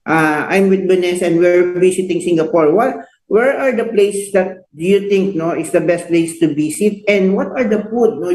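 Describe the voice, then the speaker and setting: A man's voice: high-pitched, a little mellow, echoey room, low-quality recording. A Filipino man hosting a radio show, chatting casually, mixing Tagalog and English and ending lines with "no?". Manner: frequent "no?" tag questions, mixes Tagalog and English. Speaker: radio host. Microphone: headset.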